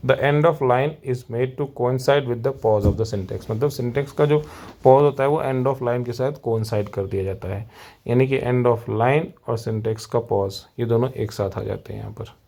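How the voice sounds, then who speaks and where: Indian male teacher, exam-prep lecture, unhurried delivery, repeats points. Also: mid-range voice, mellow. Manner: explains, then repeats in Hindi, addresses learners. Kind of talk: exam-prep lecture, mixing English and Hindi.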